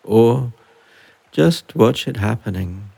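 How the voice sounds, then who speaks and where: A man guiding a relaxation and breathing meditation, speaking softly and unhurriedly with long pauses between phrases. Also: mid-range voice, lively intonation, gravelly, husky. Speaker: meditation guide. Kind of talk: guided relaxation.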